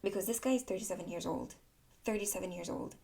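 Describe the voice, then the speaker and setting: A Tanzanian woman who speaks English as a second language talks fast in a warm, mid-range voice. As a political commentary vlogger, she delivers a casual, candid opinion monologue to camera, using repeated words for emphasis.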